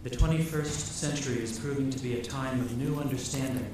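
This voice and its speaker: A provost, a man with a medium-pitched voice, reads an award citation fairly quickly in a formal, ceremonial manner in a large ceremony hall. The recording is heavily echoey with faint background noise.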